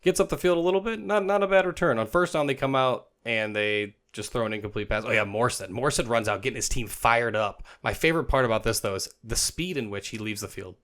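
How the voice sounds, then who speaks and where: A young man narrating football clips as a comic voice-over host, joking and dropping into quick silly voices for the players. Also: mid-range voice, fairly bright tone. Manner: jokey, puts on players' voices in quick asides.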